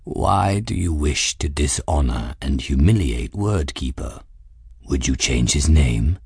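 A man voicing a smug, solemn male talking cat in an audiobook, speaking slowly and formally like a lecturer, with a deep gravelly growl. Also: animated, a little mellow, no echo, studio quality, full character voice. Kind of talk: audiobook character voice.

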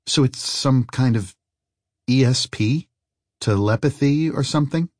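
A man's voice: medium pitch, a little slow, darkish tone, no room sound, clean studio sound, voice pushed up, close to an everyday voice. A man voicing a curious, anxious young man who keeps asking questions. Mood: puzzled.

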